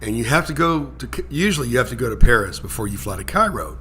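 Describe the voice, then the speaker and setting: A man's voice: medium pitch, big pitch swings, fast talker, pushed and bright, a little hiss or hum. A man hosting a casual live interview, heaping effusive praise on his guest. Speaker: host.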